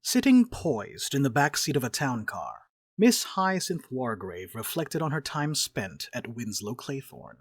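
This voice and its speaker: A man reads dramatically as a storyteller, his delivery expressive and scripted. His voice is mid-range, and the studio-quality recording has no room sound.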